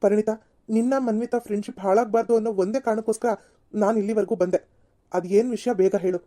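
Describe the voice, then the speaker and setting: A woman's voice: medium pitch, fairly even intonation, fast, dark tone, dry recording, clean studio sound, natural voice. A woman voicing an exasperated young man in an amateur cartoon serial, scolding and pleading by turns.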